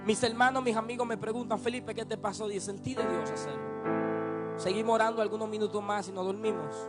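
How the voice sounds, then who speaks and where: A man with a very high voice delivers a sermon testimony, moving from hushed storytelling to fervent, shouted preaching. Instrumental music plays clearly underneath him. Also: brisk.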